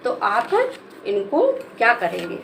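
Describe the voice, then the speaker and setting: A woman teacher, spelling out words letter by letter in a slow, patient lesson for children. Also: medium pitch, animated, creaky, a bit bright, a little hiss or hum, poor audio. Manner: patient, spells letters one by one, calls listeners "beta".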